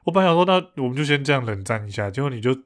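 A podcast co-host in casual chat retells an argument, laughing often and restarting frequently. His mid-range voice races along with lively intonation.

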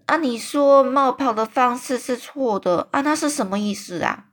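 A woman voicing a big friendly male giant who exclaims and stretches his words out slowly. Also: high voice, voice pushed up, natural voice. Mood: excited. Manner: exclaiming, drawn-out slow emphatic phrasing.

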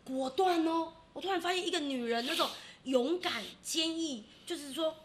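A middle-aged woman with a Taiwanese Mandarin accent, co-hosting a podcast and telling a family story in an animated way, often acting out her relatives' voices. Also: high voice, moderate pace, background noise. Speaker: podcast co-host.

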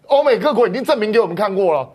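A woman's voice: medium pitch, animated, racing, mellow. A woman with a Taiwanese Mandarin accent, a guest on a political talk show, speaking urgently and pleadingly. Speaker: guest doctor.

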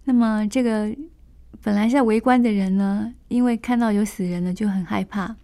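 A woman's voice: mid-range voice, steady tone, moderate pace, warm tone. Chatty woman retelling a classic tale. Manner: chatty, many fillers and asides. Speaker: storyteller.

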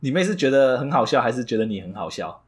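Taiwanese guy on a podcast, husky voice, pitch jumps all over while he tells a story and jokes. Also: fast talker. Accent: Taiwanese Mandarin. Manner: animated storytelling, jokey, stumbling restarts. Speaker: podcast co-host. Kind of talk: casual comedic chat.

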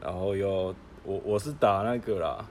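A man's voice: deep voice, normal speed, darkish tone, a little hiss or hum. A man with a Taiwanese accent co-hosting a casual chat, often stammering and repeating his words. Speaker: podcast co-host.

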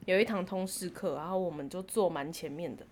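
A young woman, co-hosting a casual chat, expressive and quick to laugh. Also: lowish voice. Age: young adult. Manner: chatty, laughs easily, expressive retelling.

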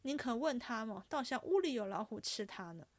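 A coaxing, wheedling young nobleman in a classic storybook reading, as a woman reader puts him on, pitched a little lower than her own voice. He talks fast when he pleads or complains. The recording is close and dry. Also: lively intonation, dry recording. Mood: grumbling. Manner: coaxing, wheedling, then blustering.

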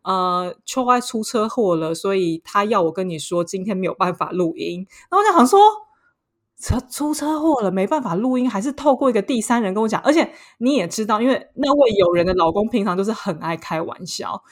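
A woman with a Taiwanese Mandarin accent, talking in a relaxed podcast chat with a middle-pitched voice. She tells her story with plenty of animation, dropping low and quiet, then rising high and loud. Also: a little fast, hardly any pauses. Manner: animated storytelling, swings between hushed and excited. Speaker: podcast co-host. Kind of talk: casual chat.

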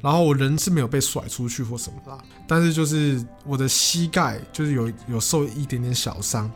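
A man's voice: medium pitch, fairly quick, soft background music. A young man tells a personal story in an earnest, stammering way, often repeating words. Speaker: vlogger.

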